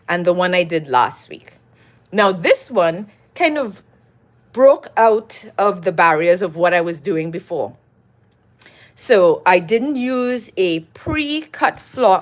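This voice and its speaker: A middle-aged woman from Trinidad, chatting casually on her own livestream as she talks through her collage work and greets viewers. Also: lowish voice. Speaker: collage artist hosting a livestream. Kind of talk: casual livestream talk while crafting.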